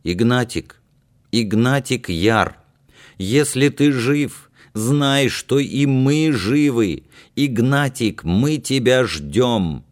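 A man voicing a young man's slow pleading call. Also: lowish voice, expressive.

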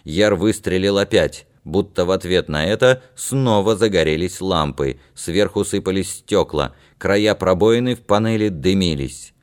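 A man narrates a story in a steady, measured way, with a low-pitched voice. He reads scripted prose evenly, with the calm pacing of an audiobook reader. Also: clear, resonant tone.

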